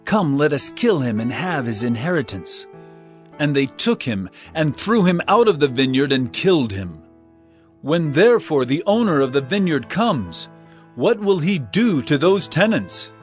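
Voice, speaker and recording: An actor playing Jesus as a stern, authoritative teacher telling parables in an emphatic, declamatory way for a dramatized scripture recording. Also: male voice, on the high side, very animated, a little slow, soft background music. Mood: solemn storytelling.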